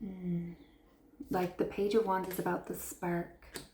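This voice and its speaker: A woman's voice: lowish voice, flat delivery, normal speed, warm tone, reverberant, slight background noise. A woman giving an intuitive tarot reading to her viewers, speaking in an earnest, affirming way and heaping praise on them. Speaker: tarot reader.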